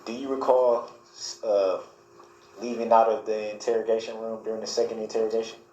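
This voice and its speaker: Guy doing a courtroom cross examination, low voice, halting and formal, roomy echo. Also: flat delivery, warm tone, highs cut off. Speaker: defendant questioning a witness as his own lawyer. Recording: echoey courtroom with faint noise.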